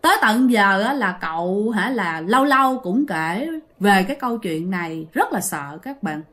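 A woman with a Southern Vietnamese accent tells a ghost story in a chatty, conversational way, frequently addressing her listeners directly. Her medium-pitched voice is expressive and a bit bright, moving at a moderate pace.

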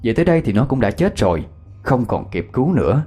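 A man narrating a ghost story in an expressive way. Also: mid-range voice, fast talker, faint music behind.

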